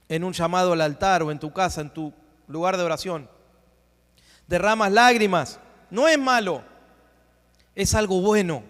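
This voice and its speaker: A man pastor preaching a sermon, rising into emphatic swells and dropping into hushed asides. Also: high voice. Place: church sanctuary. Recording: long church hall reverb.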